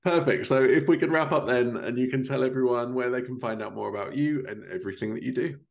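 A man in his thirties hosts a casual podcast interview over a video call from his living room, speaking in an informal, affirming way. His voice is medium-pitched and gravelly, and he talks fast.

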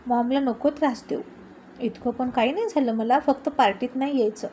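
Woman doing an evasive young woman faking illness; thin, weak, high voice. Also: normal speed, mellow, a little hiss or hum, lightly acted.

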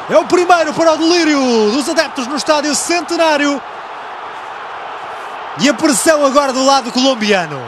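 A man with a European Portuguese accent giving fast, dramatic, excited live football commentary. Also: very high voice. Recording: noisy broadcast with stadium ambience. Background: clear stadium noise.

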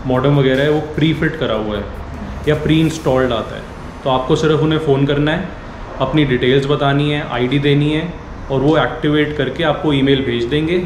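Filming on a wide-angle handheld action camera, a man in his thirties casually tours the rooms and rooftop of a new apartment building. He chats in Hindi with English phrases, in a mid-range, darkish voice. The audio has echoey empty rooms, music underneath, and slight background noise.

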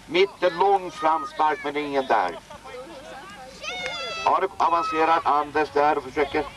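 A man's voice: fairly high pitch, distant mic, noisy background. Man calling a local football match. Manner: excited calls, names players rapidly. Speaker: amateur match commentator. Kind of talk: live play-by-play commentary of a local football match. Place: outdoors at a football pitch.

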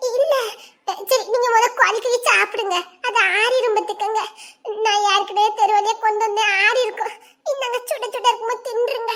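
A woman's voice: extremely high pitch, steady tone, a little fast, fairly bright tone. A woman voicing a lovestruck young village woman who chatters and giggles while teasing her sweetheart. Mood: coaxing. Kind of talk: village romance drama acting.

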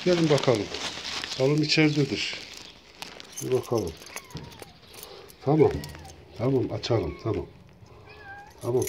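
A man talking casually to his cats, calling them over and over in a coaxing way and now and then gently scolding them. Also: medium pitch, lively intonation, a little slow, long pauses, noisy background. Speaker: cat feeder. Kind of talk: casual talk to pets.

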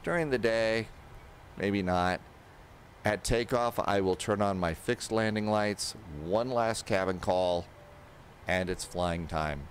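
A man's voice: lowish voice, slow. A man in his sixties giving casual instructional commentary on a flight simulator, talking himself through each step at a close microphone. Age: older, 60s. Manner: talks himself through steps aloud. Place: indoor home streaming setup. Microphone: close desk microphone. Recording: steady aircraft engine noise behind. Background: simulated aircraft cockpit and engine noise.

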